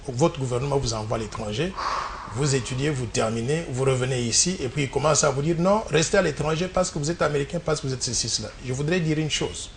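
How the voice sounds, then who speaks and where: A man's voice: medium pitch, gravelly, slight background noise. A man, a presidential candidate answering interview questions in an assertive, speechlike way and repeating his key points.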